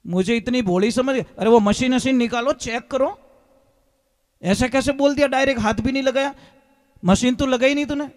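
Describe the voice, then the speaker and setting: A man's voice: very high voice, moderate pace, voice pushed up. A man voicing a stubborn, doting old woman devotee in a sermon story, with long hall reverb. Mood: frantic. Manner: pleading, scolding village speech.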